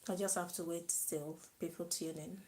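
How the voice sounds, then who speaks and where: Mujer de voz grave charlando en directo. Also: female voice, on the low side, steady tone, slight background noise, rough recording. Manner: slow, chatty, greets viewers and laughs softly. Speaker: live-stream host. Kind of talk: casual live-stream chat to viewers.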